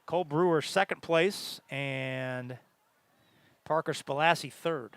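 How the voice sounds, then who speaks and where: Male track announcer, smooth tone, dry sound, informative live commentary with pauses. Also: on the high side, no room sound.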